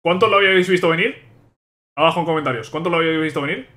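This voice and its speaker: A young man from Spain with a Spain Spanish accent, hosting an excited let's play and reacting aloud, often repeating his words. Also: on the high side, racing. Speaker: gaming video host.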